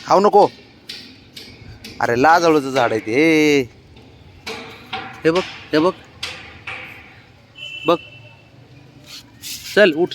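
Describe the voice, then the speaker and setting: A young man outdoors talking to his pet cat in doting baby talk, coaxing it along and scolding it gently. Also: on the high side, lively intonation, drawn-out words, pauses often, slight background noise. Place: outdoors, in sun and shade.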